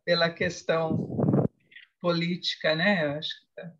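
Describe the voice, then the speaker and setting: A woman moderating an academic session over a video call. She speaks softly and lets her sentences trail off. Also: fairly low pitch, little pitch movement, measured pace, dull audio, noisy background.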